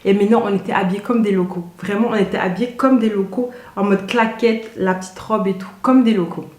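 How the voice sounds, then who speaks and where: A woman's voice: medium pitch, fast talker, a little mellow. A young woman, talking casually to camera in a loose, slangy way, full of fillers and restarts. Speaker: vlogger. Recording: roomy echoey room.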